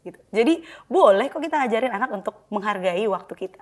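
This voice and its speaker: A woman's voice: fairly high pitch, expressive, fast. A young woman, a parenting practitioner, giving advice on a podcast, mixing English phrases into her talk and acting out what a parent says to a child. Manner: mixes English phrases into speech, acts out parent-child dialogue.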